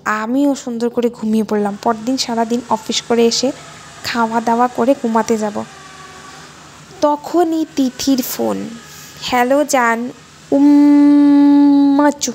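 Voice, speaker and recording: A woman narrating a romantic audio story aloud in a lively first-person storytelling manner. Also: on the high side, measured pace, slight background noise.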